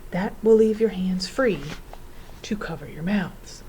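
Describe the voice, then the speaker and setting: A woman voicing a fussy, flustered old male professor in a storybook reading, with excitable old-fashioned exclamations. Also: medium pitch, measured pace, a little hiss or hum, close to an everyday voice, rough recording. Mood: hushed.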